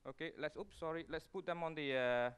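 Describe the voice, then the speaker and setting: An executive chef from Malaysia talks through a live cooking demonstration in a smooth, fairly bright voice on the high side, speaking fairly quickly. He's chatty and explains each step with lots of fillers and restarts.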